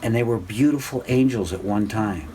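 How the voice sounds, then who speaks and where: A man's voice: moderate pace, slight background noise, rough recording. Older man teaching a rambling spiritual class. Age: 60s. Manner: rambling, conversational, frequent fillers and restarts; grows animated and high-pitched when excited. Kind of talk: informal religious class talk.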